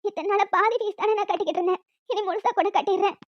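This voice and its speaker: Racing along in an extremely high pitch with fairly even intonation, a female performer plays a poor, desperate mother who cleans at a school in a cartoon. The pleading mood turns to shrill scolding, and the recording is dull, lo-fi, and dry.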